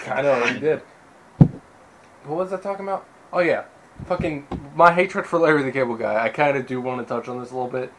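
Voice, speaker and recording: A man's voice: mid-range voice, brisk, a bit bright, slight background noise, rough recording. Blunt, profane man in casual chat. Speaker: podcast co-host.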